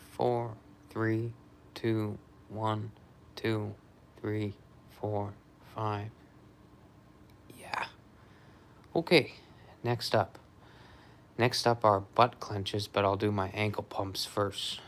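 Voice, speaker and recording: A man casually talking through an exercise demonstration and counting out repetitions in a low-key, often murmured way. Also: flat delivery, slow, creaky, slight background noise. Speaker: vlogger recovering from surgery, demonstrating exercises.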